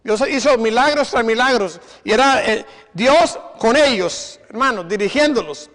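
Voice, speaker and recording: A man's voice: extremely high pitch, expressive, normal speed, a bit bright. A male preacher giving a sermon, exhorting his congregation and firing rhetorical questions at them. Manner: exhorting, repeats "imagine". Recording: long reverb of a hall.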